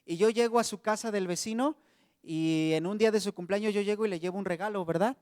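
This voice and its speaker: A man's voice: high voice, quick pace, darkish tone, no echo, studio quality, big-room sound. A man with a Mexican Spanish accent preaching a sermon to a congregation, in a conversational way, often calling them brothers.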